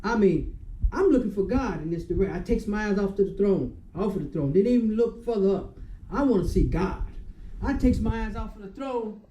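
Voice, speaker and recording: Dramatic high-voiced man in his 60s. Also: expressive, normal speed, warm tone. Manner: dramatic, repetitive, acts out the moments. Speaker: storyteller recounting his dreams. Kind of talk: emotional first-person storytelling. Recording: echoey room with faint hum.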